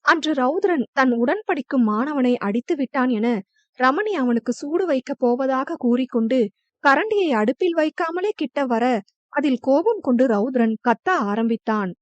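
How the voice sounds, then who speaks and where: A woman reading a novel aloud as an audiobook narrator, in an even storytelling delivery. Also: sits high, normal speed, no room sound, muffled recording. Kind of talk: scripted narration.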